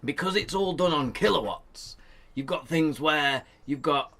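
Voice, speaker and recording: A man's voice: on the high side, a little slow, sharp tone. A man co-hosting a casual car news chat in a shed, joking and reading a press release aloud. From United Kingdom. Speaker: podcast co-host.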